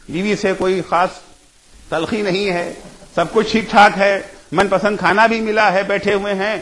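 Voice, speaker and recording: A male cleric delivering a majlis sermon, emphatic, asking rhetorical questions, rising to shouts and then dropping low. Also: rough recording. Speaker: Shia cleric giving a majlis.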